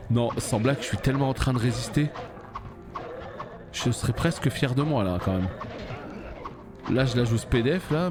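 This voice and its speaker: A man streaming a game live, reacting loudly, swearing and talking to his chat. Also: medium pitch. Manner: excitable, swears, talks to chat. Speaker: gaming streamer. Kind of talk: live let's play commentary. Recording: music playing behind.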